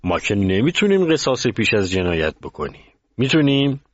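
A man's voice: fairly low pitch, big pitch swings, no echo, voice pushed up. A man voicing a stern, passionate male commander who raises his voice to give orders. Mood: firm. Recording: dull muffled recording.

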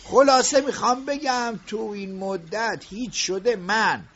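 A domineering middle-aged factory owner in a radio drama, speaking in a strikingly high, bright voice. He is quick-tempered and sarcastic with his workers. The recording sounds dull and lo-fi. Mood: reproachful. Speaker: factory boss. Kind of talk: audiobook radio drama acting.

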